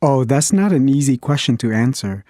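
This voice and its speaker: A man's voice: mid-range voice, animated, normal speed, warm tone, no room sound, studio quality, lightly acted. A man playing a thoughtful man from Vietnam. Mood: reflective. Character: man from Vietnam working in communications. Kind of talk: scripted textbook interview.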